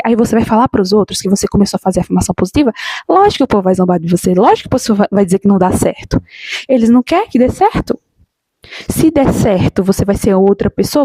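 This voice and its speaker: Husky-voiced woman giving motivational talk. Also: on the high side, mellow, dry recording. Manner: emphatic, repetitive, addresses viewers directly as "gente". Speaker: motivational video host. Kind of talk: casual motivational talk to camera.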